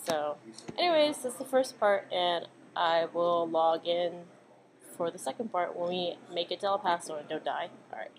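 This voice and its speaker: A young adult woman hosts and films a travel vlog, chatting casually and rambling at normal speed in a fairly low voice. She holds the camera at arm's length, so its built-in mic captures a noisy, amateur handheld recording.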